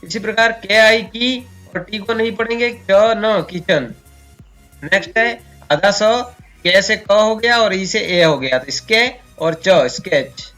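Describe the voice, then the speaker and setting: A man's voice: high-pitched, sharp tone, faint music behind. A man teaching English pronunciation who spells words out sound by sound, asks the viewers questions and answers them himself. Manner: slow, spells out sounds one by one.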